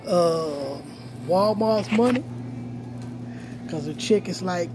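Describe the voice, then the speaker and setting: A middle-aged man filming a casual walkthrough of a store aisle on a phone at arm's length, pointing out prices to viewers over and over. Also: high-pitched. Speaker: vlogger. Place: large store aisle indoors. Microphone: phone held at arm's length. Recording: noisy store ambience.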